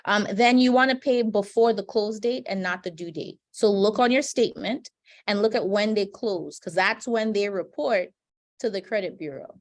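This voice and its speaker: A woman's voice: medium pitch, normal speed. Presenter: woman from Trinidad, webinar host voice, explanatory, frequent "right?", video-call audio. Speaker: financial educator.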